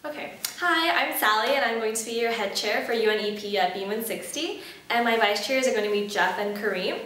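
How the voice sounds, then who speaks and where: The head chair of a committee, a Malaysian woman in her twenties, gives upbeat, casual interview answers full of fillers and restarts. Her fairly high, brisk, slightly bright voice comes across distant in a very echoey space.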